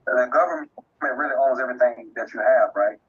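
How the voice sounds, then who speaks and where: A man's voice: medium pitch, a little fast, slightly rough, phone-quality sound. A man taking part in a live class, hesitantly checking his understanding with a question. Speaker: class participant.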